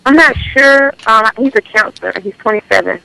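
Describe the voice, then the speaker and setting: A woman phones in to a radio show, her high, bright voice carried over the line with a faint hiss behind it. She talks casually, pausing hesitantly, then hurries when telling her story. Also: creaky, rough recording. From Florida. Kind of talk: casual chat.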